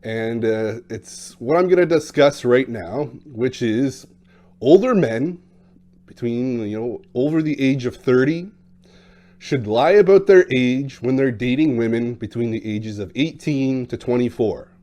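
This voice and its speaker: A dating coach, a man in his thirties or forties, talks casually and bluntly to camera about dating, using plenty of fillers. His mid-range voice is warm and a little slow. He's talkative and acts out quotes in changing voices.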